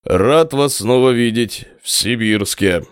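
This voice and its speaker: A man voicing a weary, sleepless prince who speaks slowly and with authority in a tired voice. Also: medium pitch, clear, resonant tone, dry recording, studio quality, close to an everyday voice. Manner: slow, measured, authoritative. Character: weary, sleepless middle-aged male prince.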